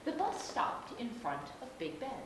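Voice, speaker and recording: A woman reading a storybook aloud in an expressive, animated way, as if to a toddler. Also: measured pace. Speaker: storybook reader. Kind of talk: animated read-aloud to young children. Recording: echoey room, distant mic, noisy rumble.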